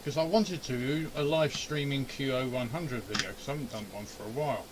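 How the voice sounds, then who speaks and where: Working on a hands-on repair in his home radio shack, a man keeps up a casual running commentary, grumbling and muttering to himself. He's an amateur radio hobbyist and video host with a mid-range voice, talking fairly quickly over background noise.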